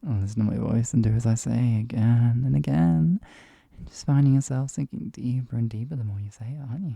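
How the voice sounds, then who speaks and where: A performer acting out a possessive hypnotist villain in an ASMR ASMR role-play. The voice is very dark and soft, with a breathy, husky edge. It coaxes and teases, murmuring and slipping into close speaks softly as if soothing a captive pet. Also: medium pitch, fairly quick, no echo. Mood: teasing, commanding.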